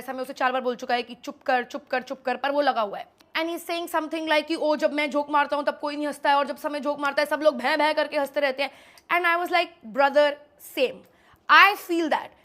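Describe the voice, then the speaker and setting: A young woman from India tells a story straight to the camera, switching fast between Hindi and English. Her voice sits high and sounds bright and sharp. She mocks herself as she goes. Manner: rapid mix of Hindi and English, animated and self-mocking. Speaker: influencer storyteller. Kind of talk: casual storytime monologue.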